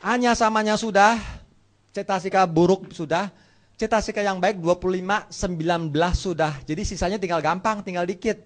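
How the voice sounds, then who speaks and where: Animated, higher-pitched male teacher. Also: brisk. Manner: animated storytelling, acts out dialogues, leads call-and-response chanting. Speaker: Buddhist Abhidhamma teacher. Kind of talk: casual classroom lesson with chanted recitation.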